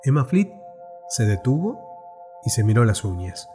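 A man narrating a story aloud in a measured, expressive reading. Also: medium pitch, soft background music.

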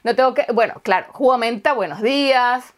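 A woman's voice: a little high, fairly quick, over a noisy crowd. A Venezuelan woman in casual chat who acts out little dialogues as she explains. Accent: Venezuelan Spanish. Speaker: conversation partner.

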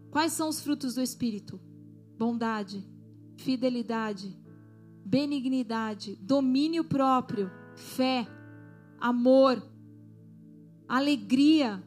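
A woman pastor preaching a sermon to a congregation, exhorting them and asking for their response. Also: high-pitched.

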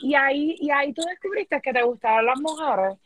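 High-voiced woman teasing friends. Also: fairly quick, a bit bright, no echo. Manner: teasing, asks pushy questions. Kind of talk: casual chat among friends.

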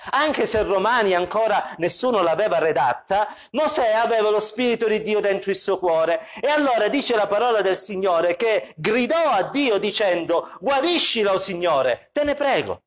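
A man preaching an evening sermon as pastor, with expressive delivery that repeats questions for emphasis. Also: high-pitched.

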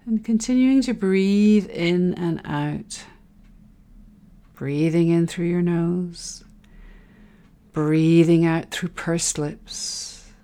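A woman guiding a relaxation and breathing exercise in a soft, soothing, unhurried way, with phrases that trail into breathiness. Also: lowish voice, smooth. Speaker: guided breathing meditation instructor. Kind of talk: guided relaxation meditation.

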